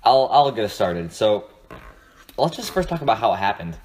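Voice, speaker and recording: Low-voiced man in casual sports chat. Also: sing-song, moderate pace, noisy background. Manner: loose, chatty, trails off with fillers. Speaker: podcast co-host.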